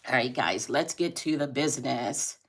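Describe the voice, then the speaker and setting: A woman chatting excitedly in a home sewing vlog, calling her viewers y'all and guys. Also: very deep voice, moderate pace. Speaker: sewing vlogger.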